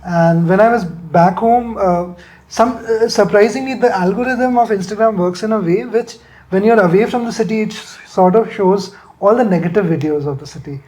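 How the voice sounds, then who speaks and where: A man's voice: high voice, moderate pace, a little mellow, low-quality recording. A man in his thirties with an Indian accent, chatting casually and sharing personal anecdotes as a guest. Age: 30s. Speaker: podcast guest.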